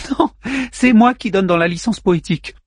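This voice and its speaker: A man's voice: sits high, normal speed, dry recording, pitched above the performer's own voice. A man voicing a small male robot in an audiobook, speaking in a dry, precise, joking way. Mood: wry. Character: small male robot explorer, quick and wry.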